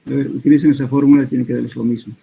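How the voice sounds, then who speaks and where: Un hombre que da una clase de mecánica de suelos, explicando cálculos paso a paso con muletillas y correcciones. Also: male voice, medium pitch, racing, creaky, breathy edge, poor audio. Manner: steady explanatory teaching with hesitant fillers and self-corrections. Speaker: soil mechanics lecturer. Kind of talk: classroom lecture.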